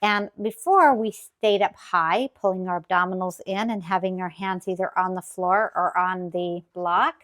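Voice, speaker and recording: A woman teaching yoga as a calm guided grounding exercise, gently and encouragingly instructing. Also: fairly low pitch, normal speed, few pauses.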